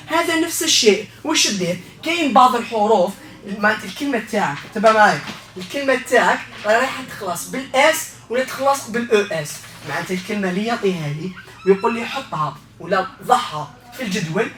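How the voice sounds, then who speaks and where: Algerian male teacher, quick and bright, reviewing for an exam; roomy sound with the mic some way off. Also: sits high, distant mic. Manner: explains step by step, asks "okay?" often. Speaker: English teacher. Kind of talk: exam revision lesson.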